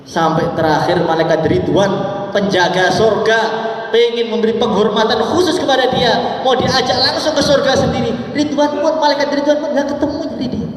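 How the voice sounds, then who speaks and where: A man preaching a sermon in a sing-song, drawn-out way, repeating words and quoting Arabic. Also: very high voice, fairly even intonation. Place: large mosque hall. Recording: distant, echoey hall.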